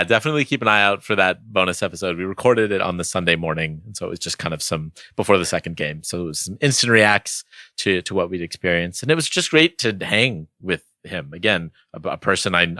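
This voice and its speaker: A man co-hosting a podcast in relaxed, rambling chat. His voice is very deep but carries a bright, forceful edge. The recording is dry and close. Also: a little fast, dry recording. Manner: relaxed, rambling, self-correcting. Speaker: podcast co-host. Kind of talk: casual chat.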